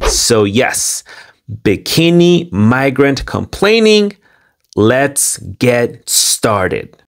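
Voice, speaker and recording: Guy doing youtube style commentary, takes his time, medium pitch, leans on his phrases. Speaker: video commentary host. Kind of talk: scripted commentary with loose running translation.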